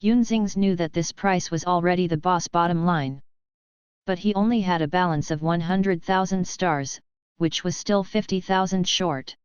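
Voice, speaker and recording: A woman narrating an audiobook novel in an even, steady reading. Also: fairly low pitch, normal speed, smooth, no room sound, lo-fi sound. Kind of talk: scripted narration.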